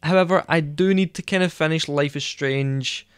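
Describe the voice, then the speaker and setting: A man with a smooth, clear voice chats loosely on a podcast, wandering through his points with plenty of ums and likes. The sound is dry and close, with no room around it. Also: on the high side, normal speed, no echo. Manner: rambling, hesitant, many fillers. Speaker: podcast co-host. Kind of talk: casual chat.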